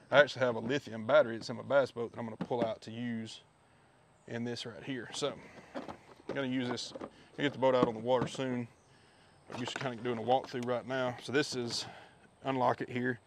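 Guy w a gravelly voice, flat easygoing talk, backyard, little bit of outdoor noise. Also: mid-range voice. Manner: relaxed, chatty, with many fillers. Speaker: fishing video host. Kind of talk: casual product walkthrough. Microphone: head-mounted action camera.

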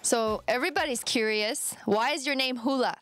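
Female host, high and animated, playful questioner, loud music bed underneath. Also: normal speed. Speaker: TV and radio host. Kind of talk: interview.

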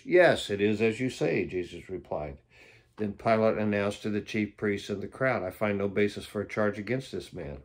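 A man's voice: fairly low pitch, a little mellow. A man reading Bible passages aloud for a daily devotion, breaking off now and then for plain, offhand comments. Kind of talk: Bible reading with casual asides.

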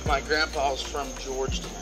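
A man with a mid-range voice and flat delivery speaks at normal speed while guiding visitors outdoors and into a cave. Though his manner is upbeat and playful with joking stories, the audio from a visitor's camera a few meters away is poor, and music plays beneath.

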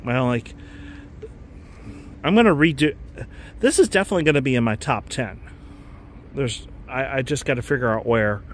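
A stadium tour vlogger speaks at medium pitch and normal speed, pausing often as he walks outdoors through a large stadium. His casual narration is enthusiastic and rambling, frequently stopping to fix a sentence, with slight noise behind him.

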